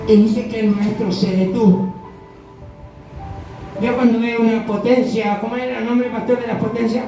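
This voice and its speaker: A man preaching a fervent sermon, building to shouted exhortations, recorded from a distance in an echoey church hall. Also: very high voice, fairly even intonation, normal speed, over music. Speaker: evangelist preacher.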